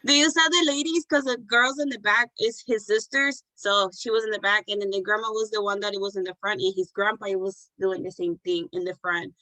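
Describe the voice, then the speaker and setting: A woman's voice: medium pitch, fairly even intonation, brisk, few pauses, pushed and bright, no room sound, rough recording. A woman taking part in a casual group discussion, talking in a chatty, rambling way with many fillers. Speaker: participant.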